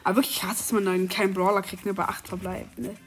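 A woman casually commenting while opening rewards in a mobile game, excitable and slangy, swinging between quiet counting and loud outbursts. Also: mid-range voice, quick pace. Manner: uses youth slang. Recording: game music playing underneath.

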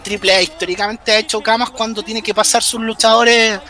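A high-voiced Chilean man works as a wrestling commentator in a loose, chatty style. His bright, forceful voice is full of slang and joking fan enthusiasm. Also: level tone, fairly quick, faint music behind. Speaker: wrestling commentator, podcast host. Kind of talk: casual wrestling commentary and chat.

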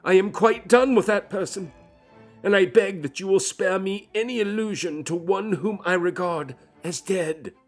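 A man voicing a doomed, shaken older doctor who talks in a loud, unsteady, pleading voice. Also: a little high, lively intonation, a little slow, breathy edge, faint music behind, pitched above the performer's own voice, exaggerated voice. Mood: agitated.

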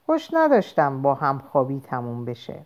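A woman's voice: extremely low pitch, wildly swooping pitch, a little mellow, highs cut off, heavily acted. A woman reading a storybook aloud, voicing a serious, restless young man who answers tersely.

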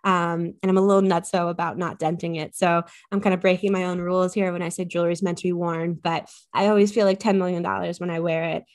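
A woman's voice: on the low side, level tone, quick pace, few pauses. Chatty woman guest with frequent ums. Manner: chatty, many ums, enthusiastic. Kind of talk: casual podcast interview.

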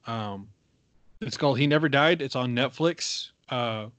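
A man's voice: mid-range voice, a little slow, fairly bright tone, dry recording, muffled recording. A man co-hosting a casual podcast chat, rambling with fillers and restarts as he recommends a film. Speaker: podcast co-host.

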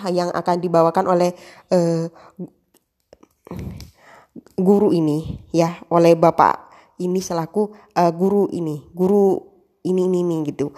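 Mellow-voiced young woman rambling casually. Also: on the low side. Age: young adult. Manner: rambling with many fillers, practicing emcee phrasing. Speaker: aspiring host. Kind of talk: casual monologue.

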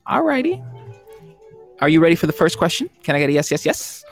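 A man's voice: a little high, big pitch swings, brisk, creaky, soft background music. Laughing, chatty male game host. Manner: chatty, jokey, laughs often. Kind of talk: casual hosting of an online trivia game.

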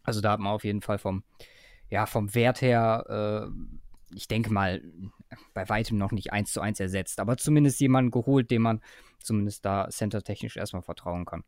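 A man's voice: lowish voice, moderate pace, darkish tone, no room sound, studio quality. A man hosting a casual sports podcast, talking with many hesitations and fillers as he leads the conversation. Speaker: podcast host.

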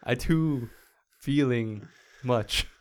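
A robot trying to pass as human, stiff and deliberate, each word placed slowly. A young man puts it on in casual chat, keeping a mid-range male pitch. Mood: mock robotic. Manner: slow, flat mock-robotic delivery.

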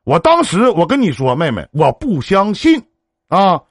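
His pitch sits high and swoops wildly at a moderate pace, captured in a dry, studio-quality recording. Speaking with a Northeastern Mandarin accent, he runs a live-stream relationship advice show, giving casual phone counseling in a brash, joking, big-brotherly manner.

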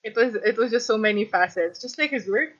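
A woman's voice: fairly high pitch, expressive, a little fast, a bit bright, lo-fi sound. A woman guesting on a casual podcast, giggly and hesitant, full of fillers and Tagalog words. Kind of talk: casual chat.

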